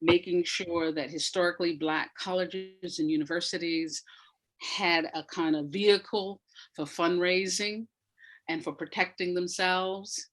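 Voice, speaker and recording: Speaking at a measured pace, the woman has a lowish, somewhat bright voice and fairly level intonation. She's an audio drama maker giving an animated, explanatory interview, stressing her points and repeating phrases for effect.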